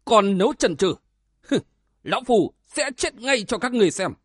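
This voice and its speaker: A man's voice: high voice, animated, slow pace, no room sound, clean studio sound, full character voice. A man reading aloud as a commanding old grandfather who leads a martial clan. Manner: commanding, stern.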